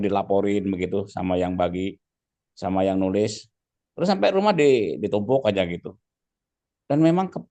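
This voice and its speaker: Halting man asking a long seminar question. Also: fairly low pitch, warm tone. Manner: rambling, halting, ends phrases with "Pak". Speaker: audience member asking a question.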